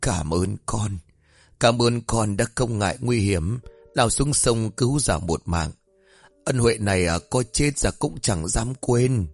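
A man voicing a frail, superstitious old grandmother in her seventies, who speaks in a weak, slow, whispery voice. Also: fairly low pitch, animated, vocal fry, dry recording, faint music behind, heavily acted. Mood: fretful.

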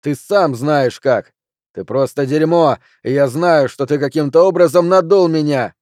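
Man voicing a hot-tempered poker loser, raised pitch, shouting, coarse, dry close sound. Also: moderate pace, no echo, close to an everyday voice. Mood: furious. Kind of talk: audiobook character reading.

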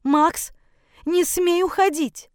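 A woman's voice: high voice, animated, unhurried, darkish tone, no echo, clean studio sound, voice pushed up. A woman voicing a desperate mother pleading with her teenage son, in an audiobook. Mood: frantic. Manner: pleading, frantic, tearful.

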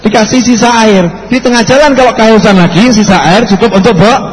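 A man with a Javanese accent preaching a sermon, telling a story in a lively way. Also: high voice, brisk. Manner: lively, switches into local dialect. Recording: echoey hall, faint background noise.

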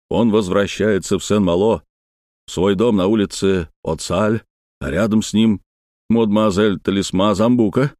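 A man's voice: a little mellow, no room sound, studio quality, lightly acted. Man doing a muttering, worried old sailor. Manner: low, muttering. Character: worried older male sailor friend.

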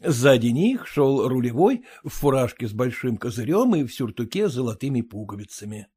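A man's voice: medium pitch, breathy edge. Guy reading a classic story aloud, voice swoops around a lot, storyteller vibe. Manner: measured, lively storytelling. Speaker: narrator. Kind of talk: audiobook reading of classic prose.

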